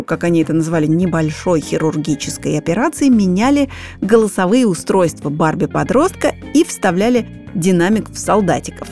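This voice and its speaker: A woman's voice: lowish voice, darkish tone. A woman giving explanatory, scripted documentary narration. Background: background music.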